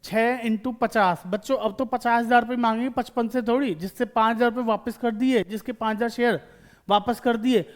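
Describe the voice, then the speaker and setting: A man's voice: very high voice, fairly even intonation, a little fast. A man teaching accountancy in a lecture, explaining each step and asking and answering his own questions to the students. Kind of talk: classroom lecture.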